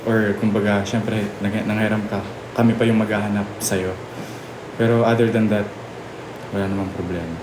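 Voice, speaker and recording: A young man nominating fellow housemates, halting and full of fillers and restarts. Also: lowish voice. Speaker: reality show housemate. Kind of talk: nomination confessional. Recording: echoey room with steady noise.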